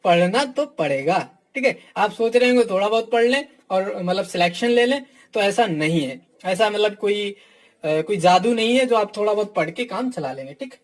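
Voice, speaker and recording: An expressive, high male voice at normal speed belongs to an exam coach reviewing books in a relaxed teaching talk. Blunt and frank in his opinions, he addresses students as "my dear" and adds "ठीक" (theek) to almost every phrase.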